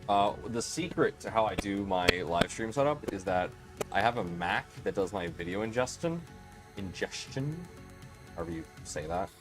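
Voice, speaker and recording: A man's voice: on the low side, expressive, moderate pace, over music. A man in his late twenties hosting a casual live stream, rambling and chatty with lots of fillers and restarts. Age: 20s.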